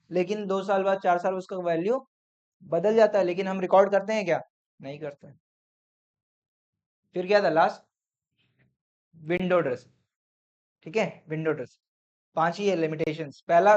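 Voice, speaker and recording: A man's voice: high voice, darkish tone, muffled recording. Hindi-speaking man drilling an accounting class. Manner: drills points in numbered lists, quizzing students; mixes English terms into Hindi. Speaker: accounting teacher. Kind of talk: classroom revision lecture.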